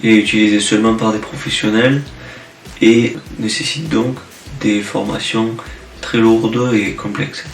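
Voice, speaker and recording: A young man, a student presenter, explaining his project in a measured, explanatory way. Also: fairly low pitch, level tone, gravelly, far from the mic. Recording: roomy, off-mic.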